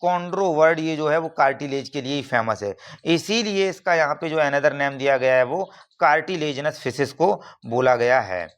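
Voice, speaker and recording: A man's voice: a little high, normal speed. A man teaching biology for exam prep over slides, repeating each term and quizzing listeners as he goes. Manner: repeats terms and asks the class questions; frequent "theek hai na" checks.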